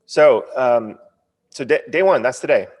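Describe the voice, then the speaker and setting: A man's voice: medium pitch, animated, a little slow. Numb-lipped, stumbling American man in reverberant sound. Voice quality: stumbling, numb-lipped speech from a partly numb lip. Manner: informal, punchy, frequent check-in tags. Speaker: online course coach. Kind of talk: casual sales training webinar.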